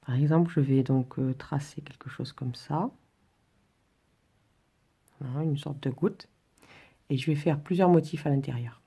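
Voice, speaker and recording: A woman's voice: extremely low pitch, a little slow, pauses often, dark tone, breathy edge. A woman instructor giving an informal drawing and relaxation tutorial, demonstrating as she talks in a hesitant, stop-and-start way. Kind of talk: informal spoken tutorial, demonstrating while talking.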